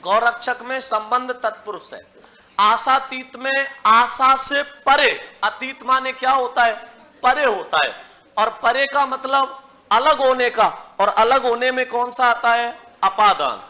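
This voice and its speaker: A man's voice: extremely high pitch, pushed and bright. A man teaching Hindi grammar to a class, quizzing students and having them repeat lists after him. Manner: drills lists slowly, syllable by syllable. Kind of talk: classroom lecture.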